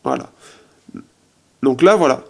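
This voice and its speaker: His medium-pitched voice swoops wildly as he talks slowly through a casual phone review. The tech reviewer is chatty and full of fillers, trailing off while testing features in a resonant room of his apartment.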